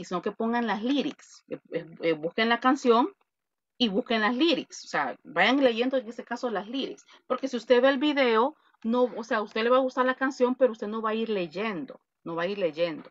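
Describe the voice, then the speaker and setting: A woman's voice: on the high side, moderate pace, dull audio. A woman English teacher with a Salvadoran Spanish accent, patiently explaining an online class and repeating her points.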